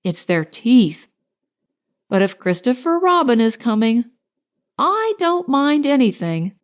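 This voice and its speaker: Woman voicing Piglet, small high-voiced anxious pig. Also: very animated, takes it slowly. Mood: earnest. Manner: timid, earnest. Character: small, anxious, earnest male toy piglet.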